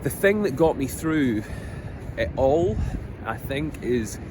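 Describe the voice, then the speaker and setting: Out by the sea, a middle-aged man from Scotland vlogs an expressive, earnest reflection on his life, stumbling into ums between halting phrases. He speaks at a normal male pitch, and vehicles and street noise are plainly heard around him.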